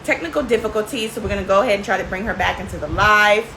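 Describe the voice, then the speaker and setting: A woman's voice: medium pitch, very fast, sharp tone, slight background noise, rough recording. An American woman hosting a casual live interview with slangy, effusive hype. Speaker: host.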